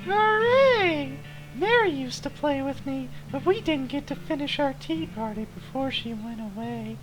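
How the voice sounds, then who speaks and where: A man acts out a creepy little girl talking doll from a video game. The voice is pitched far up into a childlike falsetto, sing-song and cheerful. Music plays clearly behind it. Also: lively intonation, a little slow. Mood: gleeful, eerie.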